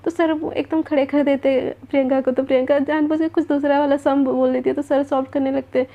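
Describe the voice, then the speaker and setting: A woman's voice: sits high, flat delivery, fairly quick, muffled recording. A young woman casually telling a love story aloud, moving back and forth between narration and the characters' lines and mixing Hindi with English. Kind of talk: casual spoken storytelling with quoted dialogue.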